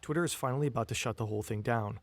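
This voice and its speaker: A man's voice: mid-range voice, racing. A man reading scripted documentary narration as the narrator. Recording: music bed behind narration.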